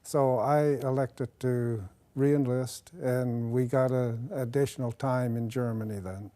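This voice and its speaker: An older man from Nebraska talks about his service in an easy, measured way, pausing often with small fillers. His voice is mellow and warm at an ordinary middle pitch. He sits in a quiet studio with a lapel mic. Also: fairly even intonation. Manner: measured, plain, with frequent fillers. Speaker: retired army officer guest. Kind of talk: interview answers. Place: studio with dark backdrop.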